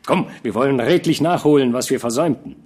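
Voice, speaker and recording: A blustering, jovial field captain, as a man reads him in an audiobook, booming and cheerful. His voice rises high and loud with gruff good humor. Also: fast, close to an everyday voice. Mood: hearty. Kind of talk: audiobook character reading.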